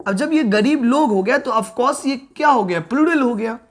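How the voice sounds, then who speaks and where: A man teaching an online grammar lesson. He keeps asking the viewers whether they understood and slowly repeats the key terms at a board. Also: very high-pitched, animated.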